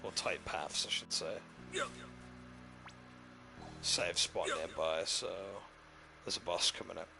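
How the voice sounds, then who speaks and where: A man giving casual let's-play commentary, musing to himself in a relaxed way. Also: low voice, takes it slowly, creaky, long pauses. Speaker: gameplay video host. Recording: voice over game music.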